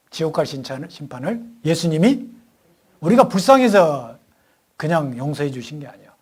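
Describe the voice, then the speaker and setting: A man preaching a sermon, firing call-and-response questions at the congregation and telling stories animatedly, swinging between loud and hushed. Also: a little high, breathy edge. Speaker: pastor. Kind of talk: sermon at a Bible lecture.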